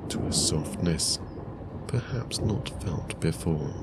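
A man narrating a guided sleep story in a calm, soothing, hushed voice with long pauses. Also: extremely low pitch, very noisy.

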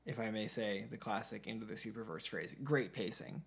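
A man's voice: fairly low pitch, a little fast, vocal fry. A man co-hosting a casual movie discussion podcast, rambling and full of filler words. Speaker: podcast co-host.

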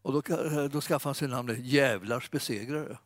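A man giving an informal sermon, chatty and animated, speaking straight to his listeners. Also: mid-range voice, no room sound, clean studio sound. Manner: conversational, animated, fillers and restarts, addresses audience. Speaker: preacher.

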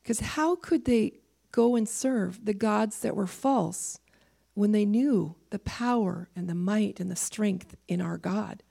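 Gravelly-voiced woman teaching the Bible. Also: medium pitch, mellow. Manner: emphatic, reads scripture slowly, drops to a whisper for emphasis.

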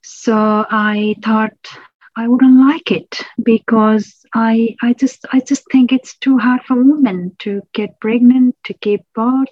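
A woman from Nepal, a public health lecturer, telling her personal story in an interview, reflective and pausing with restarts. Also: on the high side, steady tone, no room sound, muffled recording.

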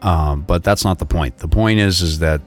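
Low-voiced guy chatting about the bible, gets animated, repeats himself, faint music behind. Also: moderate pace. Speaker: co-host. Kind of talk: casual Bible discussion.

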